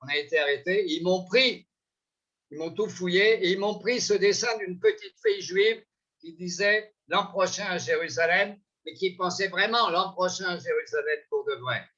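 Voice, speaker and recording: A man's voice: sits high, moderate pace, sharp tone. An older man with a French accent, telling his life story in a lecture, conversational and full of hesitations. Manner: conversational, many hesitations and restarts. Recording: dull lo-fi recording.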